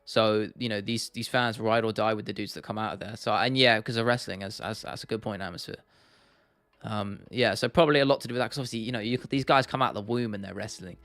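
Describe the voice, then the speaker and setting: Faint music and keyboard clicks sit behind a livestream host with a fairly low, slightly bright voice, recorded dry. He talks fast with fairly even intonation, chatting informally and laddishly with viewers and repeating phrases for emphasis.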